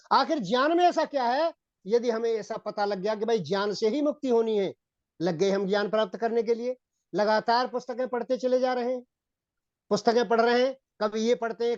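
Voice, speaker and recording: A man giving a Hindi-accented sermon on Vedic philosophy, repeating phrases and often addressing his listeners as gentlemen. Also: extremely high pitch, dry recording. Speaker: Vedic preacher. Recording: dull, dry lo-fi recording.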